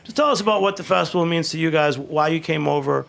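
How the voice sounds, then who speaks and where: Fast-talking gravelly radio host man. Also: fairly high pitch. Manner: fast, excitable, chatty. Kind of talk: casual radio chat.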